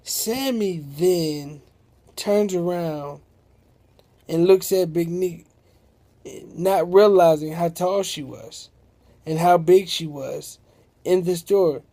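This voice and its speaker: A man's voice: sits high, takes it slowly, long pauses, mellow. A man improvising a story aloud, rambling and correcting himself as he goes.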